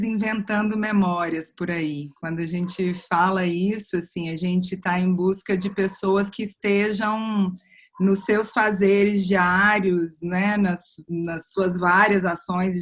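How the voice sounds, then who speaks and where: Slow-speaking woman hosting an interview. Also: mid-range voice. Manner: unhurried, with frequent pauses and fillers. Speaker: host. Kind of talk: slow, thoughtful interview introduction.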